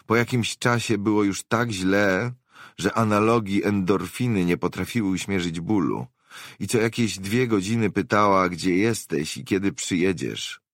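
A man's voice: low voice, normal speed, dry recording, clean studio sound, pitched above the performer's own voice. A man voicing a weary, hard-drinking middle-aged brother, speaking up in a raised, earnest voice in an audiobook. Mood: reproachful.

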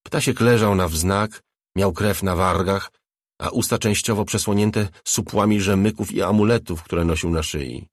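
A man narrating a novel as an audiobook, measured and even. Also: low voice, no room sound, studio quality.

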